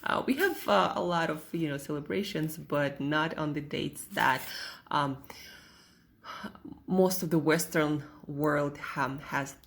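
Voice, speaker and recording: Russian accent woman coaching viewers, low gravelly voice, halting casual pep talk. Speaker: host, self-help coach.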